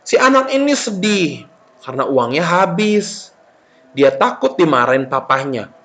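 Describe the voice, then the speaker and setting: A man teaching Sunday school, retelling a Bible story for children and speaking to them directly. His voice sits high and bright, with lively, animated swings. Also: measured pace.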